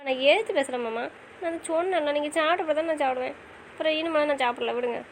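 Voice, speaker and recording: A woman's voice: high-pitched, fast talker, a little hiss or hum, poor audio. A woman playing a wife in an audio drama, pleading and pressing with questions. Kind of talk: casual audio drama acting.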